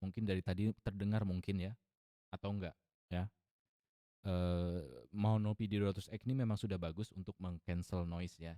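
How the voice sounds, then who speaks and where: Low, dark-voiced man demoing gear. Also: fairly even intonation, moderate pace, dry recording, clean studio sound. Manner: chatty, adds "ya" to most sentences. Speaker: tech reviewer. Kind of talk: casual product demo. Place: room with a ceiling fan. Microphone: dynamic podcast mic through a mixer.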